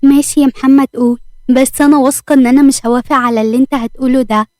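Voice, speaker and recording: A woman's voice: high voice, fairly even intonation, very fast, dry recording, studio quality, close to an everyday voice. Woman voicing a fiery, indignant young woman. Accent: Egyptian. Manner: indignant, sharp-tongued.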